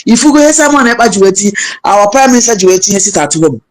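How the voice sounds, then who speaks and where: Female caller, Nigerian Igbo accent, mid-pitched, agitated, repeats herself, code-switches. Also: expressive, quick pace. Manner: agitated, repetitive. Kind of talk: impassioned call-in talk mixing languages.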